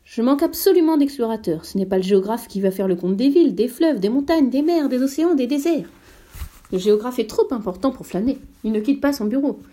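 A woman's voice: fairly high pitch, expressive, fairly quick, warm tone, pitched above the performer's own voice. Pompous, lecturing old geographer man in a storybook, lifted and emphatic, put on by a woman. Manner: lofty, lecturing. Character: pompous, self-important old male geographer.

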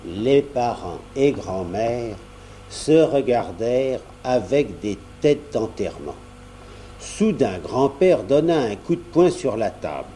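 A man reading a children's story aloud as narrator, in an expressive, lilting way. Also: mid-range voice, slow pace, a little hiss or hum.

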